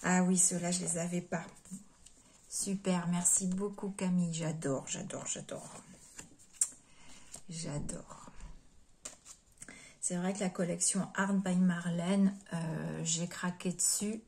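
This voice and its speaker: A woman craft vlogger in an unhurried show-and-tell chat, speaking at a leisurely pace. She gushes over each item, repeats her praise and often sinks into soft whispers. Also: lowish voice, little pitch movement.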